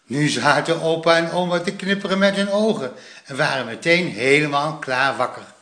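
A man reading a children's story aloud in a slow, expressive way. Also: fairly high pitch, echoey room.

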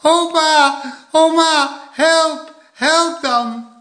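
A man voicing an eager, excited young gnome boy who shouts in a high voice. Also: normal speed, vocal fry, echoey room, heavily acted. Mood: shouting.

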